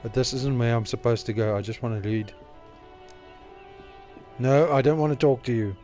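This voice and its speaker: A man's voice: mid-range voice, moderate pace, mellow, faint music behind. A man streaming a video game, chatting casually and thinking aloud with self-mocking remarks.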